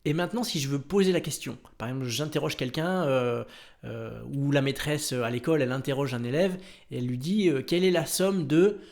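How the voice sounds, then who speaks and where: French teacher spelling out words. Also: male voice, mid-range voice, brisk, a little mellow. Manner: patient, spells out words letter by letter. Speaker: English teacher. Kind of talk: explaining a lesson.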